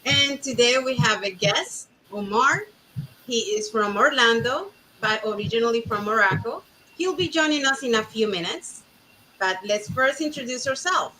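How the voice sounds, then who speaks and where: A woman from Panama hosts an online business webinar with upbeat, welcoming introductions. Her voice is very bright and sits a bit high, with faint ambience behind it. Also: lively intonation, moderate pace, slight background noise, poor audio. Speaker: webinar host. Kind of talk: online panel hosting.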